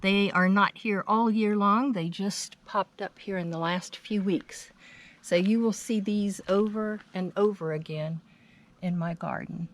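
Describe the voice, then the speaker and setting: An American woman narrating an informative garden tour in plain, measured phrases, unscripted, as a home gardener. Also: mid-range voice, steady tone. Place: outdoors in a home front garden. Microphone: handheld camera's built-in mic. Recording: outdoor handheld recording with ambient noise.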